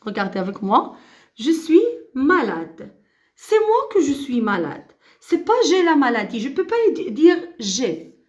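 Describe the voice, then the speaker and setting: A woman teaching a grammar lesson, repeating and stressing each word slowly for her learners. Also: fairly high pitch, big pitch swings. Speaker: French teacher.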